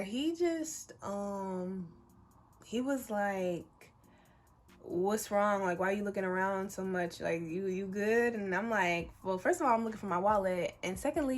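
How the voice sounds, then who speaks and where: A vlogger of about twenty tells a story to the camera, casual, animated and chatty, peppering it with fillers and swearing. Her voice sits at a medium pitch.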